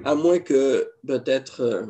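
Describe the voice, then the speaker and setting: A man's voice: mid-range voice, slow, mellow, breathy edge. A man teaching an Arabic class in a mosque classroom, explaining patiently and repeating each example. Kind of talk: classroom lesson.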